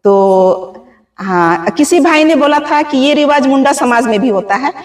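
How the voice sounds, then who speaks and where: A woman's voice: sits high, animated, measured pace. A woman, chatting casually to her viewers outdoors and often calling them friends. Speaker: vlogger. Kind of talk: casual vlog chat to viewers. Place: outdoors under open sky. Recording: distant, roomy-sounding mic.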